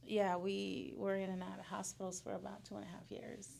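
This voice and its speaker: A woman in her thirties from Puerto Rico, a guest in a casual interview, talking in halting bursts and laughing often. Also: medium pitch, little pitch movement, creaky, darkish tone. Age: 30s.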